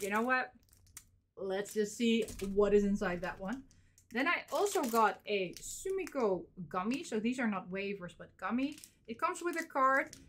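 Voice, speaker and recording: A woman's voice: a little high, fairly bright tone. A woman in her thirties, a vlogger chatting casually about things she bought, with lots of fillers and little laughs. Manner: chatty, rambling, frequent fillers and small laughs. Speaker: vlogger showing convention purchases. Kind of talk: casual unboxing chat.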